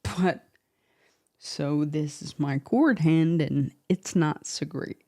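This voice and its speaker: A woman's voice: deep voice, slow pace, a little mellow. A young woman chatting casually to her viewers, rambling between thoughts and laughing often. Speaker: vlogger.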